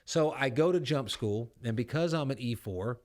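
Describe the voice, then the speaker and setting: A man's voice: medium pitch, animated, normal speed, darkish tone. A man in his forties, a veteran podcast host, telling rambling, profane Army stories in casual chat. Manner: profane, rambling anecdotes with acted-out quotes.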